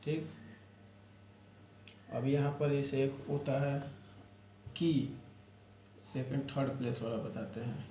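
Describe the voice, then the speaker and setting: A man's voice: medium pitch, fairly even intonation, slow, long pauses, mellow. A man teaching a shorthand lesson online, explaining step by step and spelling words out letter by letter. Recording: echoey room with faint ambient noise.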